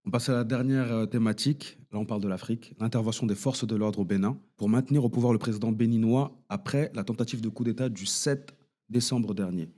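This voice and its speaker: A man moderating a political debate show, introducing topics and moving on briskly. His voice sits low and sounds dark and mellow. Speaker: host.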